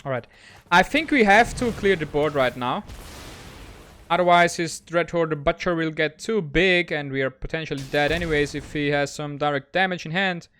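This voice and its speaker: A man hosting a gaming channel, giving excitable, quick, self-mocking commentary on a digital card game match. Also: a little high, soft background music. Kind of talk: gameplay commentary.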